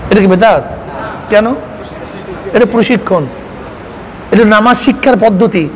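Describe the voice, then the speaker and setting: A man's voice: high voice, a little slow. A man preaching a sermon, arguing his point and firing questions at the audience, mocking critics. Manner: argumentative, asks the audience questions and mocks critics. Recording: faint noise, long hall reverb.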